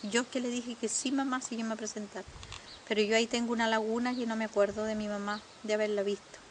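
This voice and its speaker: An older woman with a Chilean accent gives documentary testimony as a survivor, earnest and halting, with pauses and repetitions. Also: fairly high pitch, flat delivery, slight background noise.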